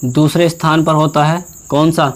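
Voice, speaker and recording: A young man teaches a Hindi grammar lesson in a flat, somewhat high voice. Questions to the class get answered by him, key terms are repeated, and vowel sounds are drawn out slowly to show how they sound.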